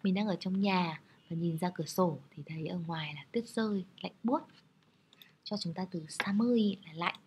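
A woman's voice: fairly low pitch, moderate pace, a little mellow, husky. A woman teaching Japanese characters, explaining patiently in a friendly, step-by-step way. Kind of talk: explaining lesson over slides.

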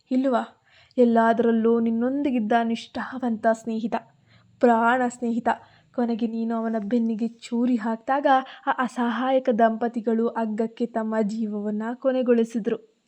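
A woman's voice: a little high, warm tone, close to an everyday voice. A woman voicing a vengeful young man who steadily accuses and threatens his old enemy.

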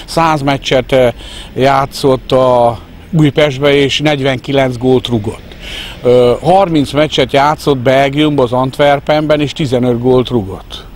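A middle-aged man speaks in an interview with a mid-pitched voice and a halting delivery. He is outdoors in a park on a handheld mic, with faint background noise. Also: fairly even intonation. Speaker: fan club organiser, interviewee. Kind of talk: interview talk. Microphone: handheld reporter microphone.

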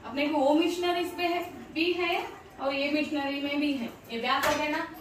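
A woman's voice: high-pitched, fairly even intonation, normal speed, distant mic, background noise. A woman in her thirties, a fitness vlogger, chatting to viewers as she shows workouts on a home gym machine, talking to them directly and cheerfully. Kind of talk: casual workout demonstration. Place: small home gym room, indoors. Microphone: camera at a distance. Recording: very echoey room, voice from afar.

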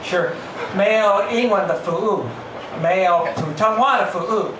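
An older man with a foreign, non-native Mandarin accent doing stand-up comedy in a halting, word-repeating way. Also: high voice. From Western country. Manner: halting, repeating words as they search for phrasing. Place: small comedy bar, indoors. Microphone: handheld stage mic, heard through distant camera. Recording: echoey, noisy bar recorded from far off.

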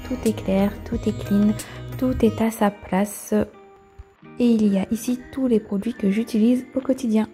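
Young woman, mid-pitch, casual home-vlog voice-over with soft music underneath; chatty, hesitant, tip-sharing. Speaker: cleaning vlogger. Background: background music.

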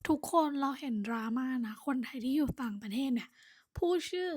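A woman's voice: sits high, lively intonation, fairly quick, a little mellow, husky, no echo, clean studio sound. A Thai woman with a Thai accent, chatting casually as a vlog host and coaching pronunciation.

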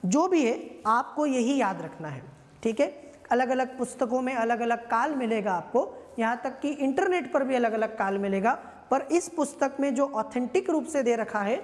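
A woman's voice: a little high, big-room sound. A woman teaching an exam-prep history lecture, conversational and often checking in with her listeners.

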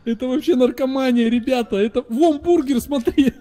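A man in casual gameplay chat, reacting in an animated, slangy, giggly way to the action. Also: very high-pitched, normal speed. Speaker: gamer playing alongside a friend.

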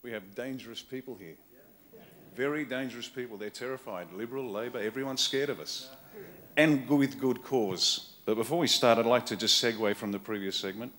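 Here an Australian man's medium-pitched voice comes out fast and fairly bright as he delivers a conference keynote on politics. Short, punchy phrases carry his blunt, wry tone through a conference hall with a live audience.

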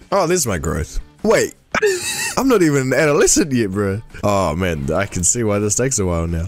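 Excitable young man narrating gameplay. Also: medium pitch. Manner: excitable, laughs often, says "bro" a lot. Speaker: gamer. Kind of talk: casual gameplay commentary.

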